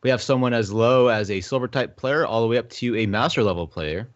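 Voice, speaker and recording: A man hosting a podcast in a loose, jokey way with plenty of fillers. His voice sits in a middle pitch. The audio is muffled and lo-fi. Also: brisk. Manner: joking, loose, filler-heavy. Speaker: podcast host. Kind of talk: casual podcast chat.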